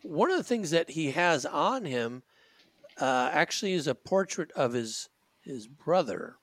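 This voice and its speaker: A man's voice: a little high, very animated, unhurried, a bit bright, no echo. A man narrating as game master in a tabletop game, talking loosely with fillers and restarts. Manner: rambling, with many fillers and restarts.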